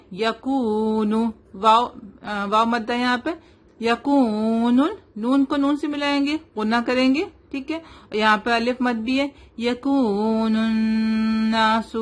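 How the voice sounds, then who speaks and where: A young woman teaching Quran recitation rules, patiently spelling out letters slowly and mixing English into her explanations. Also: a little high, a bit bright. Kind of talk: tajweed lesson, slow drilling.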